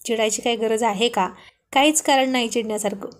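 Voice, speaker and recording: A woman's voice: a little high, brisk, natural voice. Storybook role: playful young husband, read by a woman, light and teasing.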